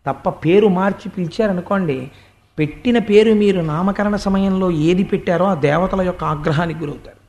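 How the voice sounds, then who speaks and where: High-voiced man giving a devotional sermon. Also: normal speed, a little mellow. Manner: emphatic, stretches words for emphasis. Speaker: religious discourse speaker.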